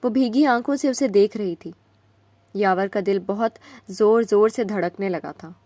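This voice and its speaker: A woman reading a romance novel aloud as a steady audiobook narrator. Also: medium pitch, dry recording.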